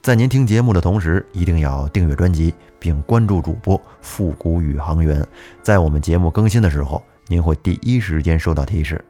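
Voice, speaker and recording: A man hosting a storytelling podcast, narrating a listener's tale in a steady, measured way. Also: deep voice. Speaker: podcast host. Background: faint background music.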